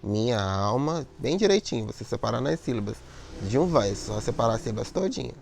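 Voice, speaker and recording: A man's voice: medium pitch, sing-song, fast talker, creaky, a little mellow, a little hiss or hum. A man teaching a lesson on poetic meter, explaining step by step, repeating words, and checking in with "né?" and "ó".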